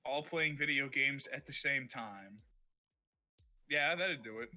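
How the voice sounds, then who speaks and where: A man's voice: mid-range voice, slow pace, pushed and bright, faint music behind. A man doing casual esports commentary, teasing his co-caster in dry, playfully formal phrasing. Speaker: esports shoutcaster.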